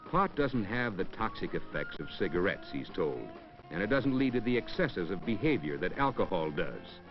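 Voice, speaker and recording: With a deep, very animated voice at a normal speed, a man narrates a 1960s educational film from a script, taking a wry storytelling approach that echoes hip slang. The recording is a dull old soundtrack from the 1960s, with music in the background.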